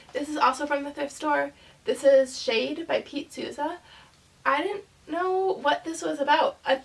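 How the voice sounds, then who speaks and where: A woman's voice: high-pitched, creaky, a bit bright, far from the mic, rough recording. A young woman with a congested voice from a cold, chatting casually in a rambling way about her book haul as a channel host. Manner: chatty, rambling, many ums and likes.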